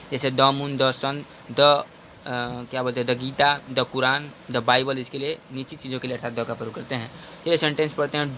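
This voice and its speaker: Young male tutor, bright voice at mid pitch, slow explainer who keeps addressing viewers as friends; light background noise. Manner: reads English question lines slowly, then explains in Hindi. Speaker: English tutor for exam preparation. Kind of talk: exam-prep lesson.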